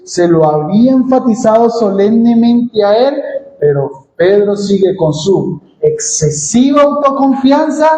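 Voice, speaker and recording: A man's voice: warm tone, lo-fi sound, a little hiss or hum. A man, a pastor, preaching an expository sermon with emphasis, acting out the quotes he reads. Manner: emphatic, acts out quotes with shifting pitch. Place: church sanctuary. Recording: echoey church room.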